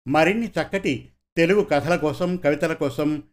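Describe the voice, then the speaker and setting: A man's voice: on the high side, normal speed. Man reading a story aloud. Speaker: story reader. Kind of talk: scripted narration.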